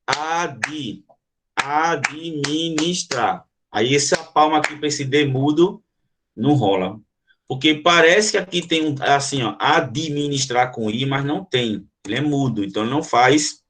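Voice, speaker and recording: A man's voice: mid-range voice, a bit bright, a little hiss or hum. A Brazilian man teaching an online grammar lesson, explaining step by step and asking the class questions. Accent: Brazilian Portuguese.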